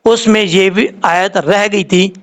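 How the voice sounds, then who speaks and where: Man, Pakistani Urdu accent, high-pitched, patient Quran lesson, slow drawn-out sounds. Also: fairly even intonation, fairly bright tone. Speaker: Quran teacher. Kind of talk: teaching Quran reading.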